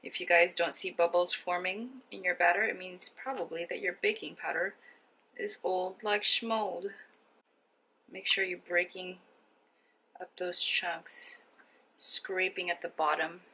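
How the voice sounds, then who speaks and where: A woman's voice: lowish voice, steady tone, moderate pace, sharp tone, husky, low-quality recording. A woman hosting a cooking video, talking to viewers in a chatty, informal, step-by-step way. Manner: chatty, informal, addresses viewers as guys and friends. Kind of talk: casual cooking demonstration to camera.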